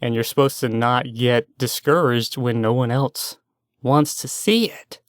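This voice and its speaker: A man's voice: medium pitch, measured pace, no echo, clean studio sound. A young man hosting a solo podcast, thinking aloud in a meandering, self-doubting way and sometimes losing his train of thought. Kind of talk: rambling stream-of-consciousness monologue.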